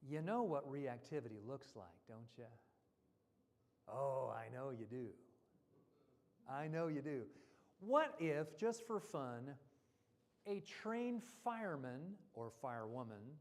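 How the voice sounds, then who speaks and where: A man's voice: medium pitch, slow. A man speaking at a church seminar in a conversational teaching style, now and then acting out quoted voices. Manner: animated, acts out quoted voices. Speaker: guest speaker. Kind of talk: seminar talk. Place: church hall.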